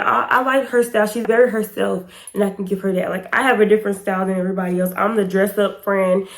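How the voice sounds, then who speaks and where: With a mid-range voice that's a little hoarse and nasal from pollen congestion, a twenty-something American woman tells a story to camera for her YouTube vlog. Her delivery is casual, chatty, slangy and emphatic.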